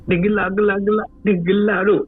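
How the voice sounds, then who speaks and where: A man's voice: sits high, little pitch movement, brisk. Seorang lelaki berloghat Malaysia yang bercerita santai tentang pengalaman seram, banyak mengulang kata dan sering tergelak kecil. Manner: chatty, repeats phrases, chuckles often. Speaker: guest storyteller. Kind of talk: casual storytelling about a scary experience. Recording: tinny phone-like sound.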